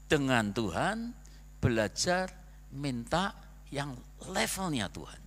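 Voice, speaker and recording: A male pastor preaching a sermon in a church, animated, with rhetorical questions and acted-out quotes. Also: mid-range voice, takes it slowly. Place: church sanctuary. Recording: long reverb of a church hall.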